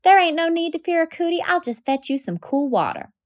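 Boy role, woman reader: kind poor schoolboy, gentle folksy manner, high voice. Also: very animated, a little fast. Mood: soothing.

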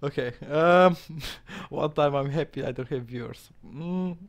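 Slow, hesitant young man on a headset. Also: a little high, gravelly. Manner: reads aloud haltingly with many fillers and chuckles. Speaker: streamer. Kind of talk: casual live-stream commentary. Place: small dim room indoors.

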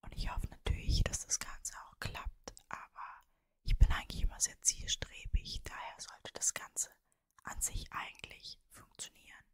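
A woman in her early twenties with a Mannheim German accent, whispering casually in an ASMR style, very close to the microphone. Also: normal speed. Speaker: ASMR creator and streamer. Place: cosy bedroom, indoors. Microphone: desktop microphone, very close.

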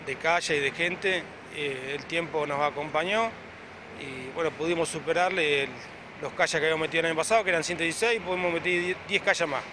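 An Argentine club president and event organizer in his forties gives a casual on-camera interview outdoors by a beach, in front of hedges. Speaking quickly in a fairly high voice with an Argentine Spanish accent, he's chatty, full of "eh" fillers and restarts. A handheld reporter mic sits close below his chin, and outdoor background noise is clearly audible.

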